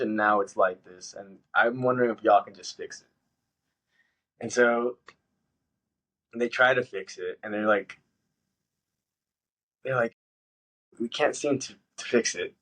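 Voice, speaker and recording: A man telling a story in casual podcast chat, swearing freely and jumping into high-pitched voices when he quotes himself. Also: measured pace, pauses often, a bit bright, rough recording. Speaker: podcast host.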